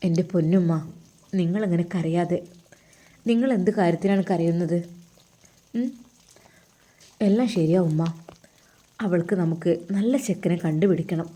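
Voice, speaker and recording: A woman reading the lines of a young unmarried man, a gentle and earnest son, with a Malabar Malayalam accent. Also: lowish voice, moderate pace, long pauses, lightly acted. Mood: soothing. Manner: soft, earnest, soothing.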